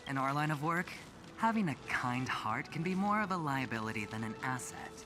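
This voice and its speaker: An actor playing a smug, charming young male gambler executive who talks in a teasing, smooth way. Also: mid-range voice, expressive, fairly quick, noisy background, natural voice.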